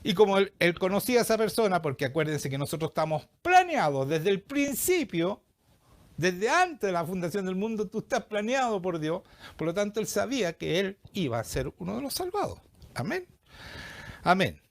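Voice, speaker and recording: A man with a Chilean accent preaching a sermon, animated and often asking the congregation questions. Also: high-pitched, normal speed. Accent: Chilean Spanish. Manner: animated, acts out quoted voices, asks the congregation questions.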